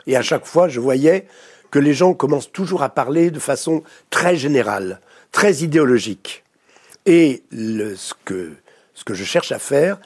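A French man with a French accent, a therapist speaking as a guest in an interview, reflective and pausing often to search for words. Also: mid-range voice, a little mellow, slightly rough. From France. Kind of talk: studio interview.

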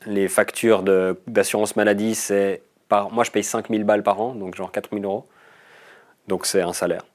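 Low-voiced Swiss French man, chatty. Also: fairly even intonation, moderate pace. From Switzerland. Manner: chatty, storytelling, frequent hesitations. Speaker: guest comedian. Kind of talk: casual interview chat.

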